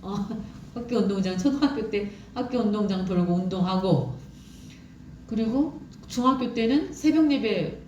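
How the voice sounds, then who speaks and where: A woman preaching a sermon, chatty and loose, with many pauses and fillers as she shares her own story. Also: medium pitch, animated, a little mellow, highs cut off. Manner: conversational, with many fillers and personal testimony. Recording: echoey room from far off, faint noise.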